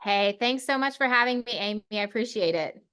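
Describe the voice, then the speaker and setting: Woman in her forties, from Oklahoma, smooth resonant voice, confident, articulate, casual interview guest. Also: fairly high pitch, lively intonation, brisk, fairly bright tone. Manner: confident and articulate, self-deprecating. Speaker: podcast guest, CEO of a consulting firm.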